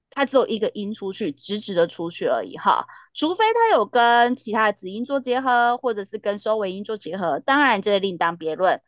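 A woman's voice: on the high side, no room sound, highs cut off. A woman teaching a Korean pronunciation class, checking in with her students again and again. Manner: lively, with many checking tags like "哈" and "对不对". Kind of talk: classroom lesson.

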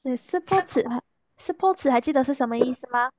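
High-voiced patient woman teacher. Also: expressive, no room sound, clean studio sound. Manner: patient, repeats words slowly and clearly. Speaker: language teacher. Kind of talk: online language lesson.

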